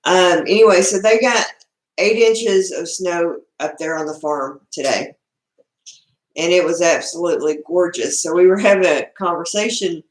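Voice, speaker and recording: Female livestream host, Southern US accent, lowish pitch, informal folksy chat with viewers, echoey room. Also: moderate pace. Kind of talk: casual live-stream chat, greeting viewers. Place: indoor room at home.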